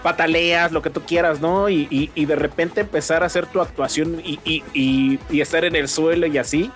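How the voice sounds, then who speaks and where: A man with a Mexican accent co-hosting a casual podcast, relaxed and slangy, with hesitant starts. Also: fairly high pitch, normal speed, faint music behind. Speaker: podcast co-host reading live chat. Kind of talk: casual chat.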